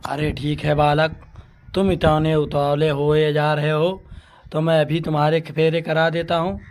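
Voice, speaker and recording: A solemn old priest in a comedy cartoon, voiced by a man. He hands out advice in a slow, preachy manner. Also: on the high side, level tone, darkish tone, close to an everyday voice.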